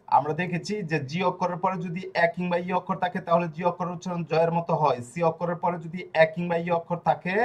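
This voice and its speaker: A man with a somewhat high voice teaches a language lesson. He goes over each rule again and again and poses questions that he answers himself. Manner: repeats each point slowly, asks and answers his own questions.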